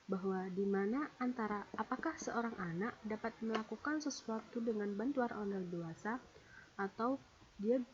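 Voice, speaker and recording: A woman's voice: fairly high pitch, moderate pace. A woman giving a read-out lecture presentation, explaining steadily and counting off her points one by one. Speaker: presenter explaining a psychology theory. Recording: dull lo-fi recording with faint hiss.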